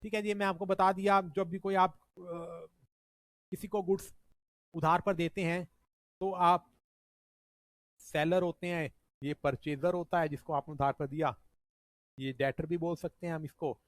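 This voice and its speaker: A man's voice: fairly high pitch, fairly even intonation, a little slow, pauses often, no room sound. A man teaching a revision lecture. He explains step by step and often adds "ठीक है जी" as a check-in. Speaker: accounting teacher.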